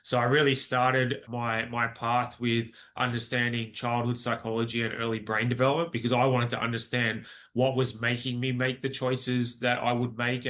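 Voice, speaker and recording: As a podcast guest, a man in his forties with an Australian accent tells his personal story earnestly, rambling and restarting often. His voice has a medium pitch and is a bit bright.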